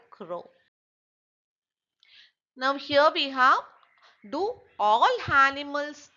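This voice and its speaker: A woman teacher walks young children through a textbook lesson at a very slow pace. Her voice is bright and fairly high. The recording sounds a little dull. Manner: slow, asks and answers her own questions.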